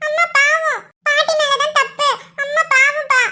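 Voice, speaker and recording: A woman's voice: very high-pitched, flat delivery, measured pace, sharp tone, a little hiss or hum, exaggerated voice. A woman voicing a little boy who pleads for his mother in a cartoon. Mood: pleading. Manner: pleading, childlike. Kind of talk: cartoon voice acting.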